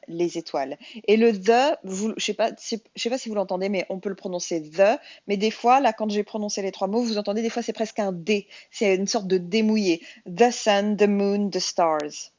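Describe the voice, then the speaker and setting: A woman's voice: medium pitch, darkish tone, dry recording, muffled recording. A woman whose first language is French, explaining English grammar in a casual, chatty lesson and addressing her viewers directly. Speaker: English teacher.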